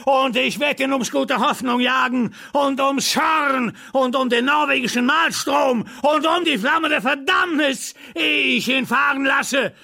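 Vengeful old captain, audiobook, rough gravelly rasp, slow heavy delivery. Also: male voice, very high voice, sharp tone, shouting, full character voice. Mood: raging. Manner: roaring, sobbing outbursts. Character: raging obsessed old sea captain, vengeful. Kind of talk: audiobook reading.

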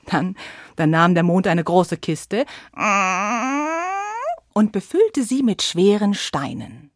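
Slow, expressive woman storyteller. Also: on the low side, no room sound, clean studio sound. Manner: expressive, dropping to a whisper for suspense. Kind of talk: fairy tale told for children.

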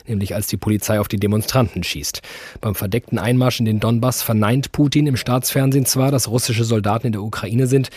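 A radio host in calm, scripted presentation. His voice is low and husky. The sound is dry and close. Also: no room sound.

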